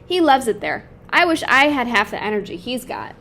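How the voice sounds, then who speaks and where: A woman's voice: on the high side, big pitch swings, normal speed, a bit bright, a little hiss or hum. Woman reading as a wistful, hopeful storybook dad. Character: downhearted but hopeful unemployed father. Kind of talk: children's picture book read-aloud.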